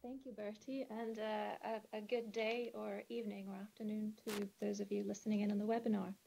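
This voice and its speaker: A woman's voice: medium pitch, level tone, fairly quick, creaky, mellow. A woman in her thirties from Venezuela, an engineering manager introducing herself over a video call with a hesitant, filler-heavy delivery. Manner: hesitant, many fillers and restarts. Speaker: wells engineering manager presenting remotely. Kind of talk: remote webinar self-introduction. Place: indoors, on a rainy evening. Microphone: video call link.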